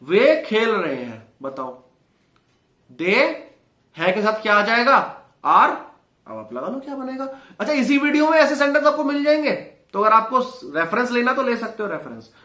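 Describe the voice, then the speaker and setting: A man teaching an English lesson in Hindi, quizzing viewers with quick rhetorical questions. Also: extremely high pitch, sing-song, bright, forceful tone. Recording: roomy echo.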